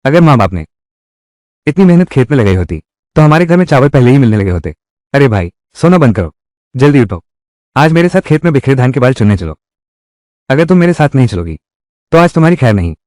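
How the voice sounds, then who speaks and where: A man dubbing drama dialogue, his pitch rising and falling freely from line to line. He reads every part in his own everyday voice, close and dry with no room around it. The delivery stays steady across the scenes. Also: a little fast, pauses often, no echo, natural voice. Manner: voices every role in one voice. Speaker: dubbing voice actor.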